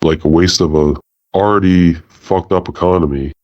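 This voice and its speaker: A man with a very low voice talks politics in a relaxed, halting way, often stuttering on repeated words as he gathers his thoughts. The podcast audio is dull and lo-fi. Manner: laid-back, hesitant, repeats words. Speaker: podcast co-host. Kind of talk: casual political chat.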